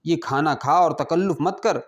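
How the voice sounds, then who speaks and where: A man's voice: a little high, lightly acted. A man voicing a lavish, mocking rich host who insistently presses food on his guest. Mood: coaxing. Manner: insistent, coaxing.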